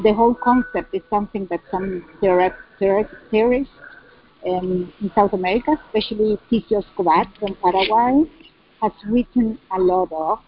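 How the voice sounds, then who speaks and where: Female interviewee, Chilean Spanish accent. Slow, halting delivery, mentally translating into English. Slightly muffled, low-fidelity sound. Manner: translating in head, halting and searching for English words. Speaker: curator and cultural center representative. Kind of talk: interview answer about exhibitions. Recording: dull lo-fi sound.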